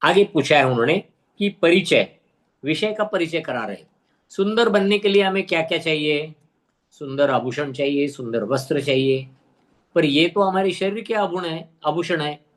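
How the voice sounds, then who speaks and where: A man teaches a class of teachers over a video call, and his voice sits a little above the usual male pitch. He builds each point by asking a question and then answering it. When he reaches a hard word he slows down and repeats it carefully so the teachers get it right. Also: lively intonation. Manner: drills careful pronunciation, repeating words slowly. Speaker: teacher trainer. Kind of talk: online teacher-training lesson.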